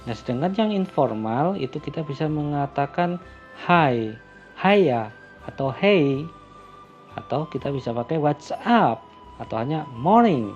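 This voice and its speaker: A man teaching a class, calmly explaining English greetings and introductions and slowing down for the example phrases. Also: a little high. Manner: calm and explanatory, switching into slow, lifted voice for English example phrases. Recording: lo-fi recording with faint music.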